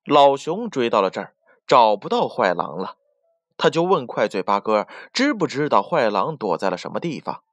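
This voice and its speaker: A man narrating a children's bedtime story, speaking gently and directly to the little listeners. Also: mid-range voice, very animated, moderate pace, no echo.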